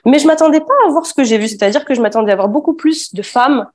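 Speaking fast in a high, slightly mellow voice, a young Afghan woman in her 20s shares her personal testimony. Her delivery is hesitant and full of fillers and false starts.

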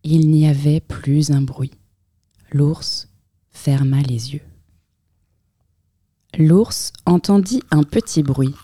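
A woman reading a children's picture book aloud as storyteller, with expressive, lively storytelling in a close, dry room. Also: low voice, slow pace, long pauses, husky, dry recording.

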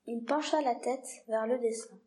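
A woman reading the narration of a storybook aloud in a calm, measured way. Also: a little high. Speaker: reader.

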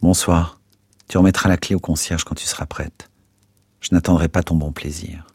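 A man's voice: deep voice, flat delivery, moderate pace, darkish tone, slightly rough, no echo, studio quality. A man reading aloud, voicing a cold, cynical young schemer who answers curtly and with contempt.

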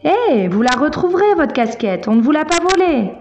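A woman's voice: sits high, big pitch swings, moderate pace, a little mellow, soft background music, voice pushed up. Stern schoolmaster, as a woman reader puts him on. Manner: commanding, clipped orders. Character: stern male schoolmaster, middle-aged, easily indignant.

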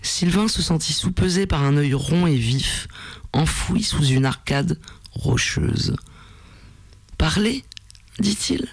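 A man hosting a radio program, reading a story aloud in a measured, deliberate way. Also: fairly high pitch, vocal fry, no room sound.

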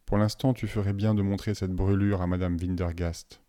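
A man's voice: deep voice, steady tone, close to an everyday voice. A man playing a cold sinister headmaster. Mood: menacing. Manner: slow, soft and menacing.

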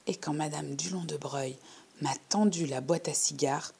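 A woman voicing a shy, overly polite little girl who tells her own story in a hushed, timid way. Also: low voice, moderate pace, gravelly, husky, pitched below the performer's own voice, exaggerated voice. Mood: earnest. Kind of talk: storybook reading.

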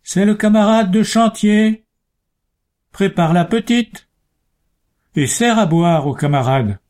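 A man's voice: high voice, takes it slowly, a little mellow, voice pushed up. A man voicing a desperate woodcutter father in a read-aloud story, crying out to his wife in a strained, raised voice. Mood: urgent.

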